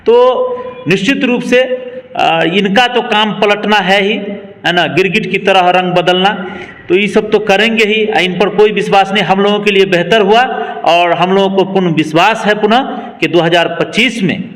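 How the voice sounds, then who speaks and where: In a long-reverb recording of a political interview, a local party worker in his twenties talks at normal speed. His voice sits high and a bit bright, and he speaks emphatically in a rallying cadence.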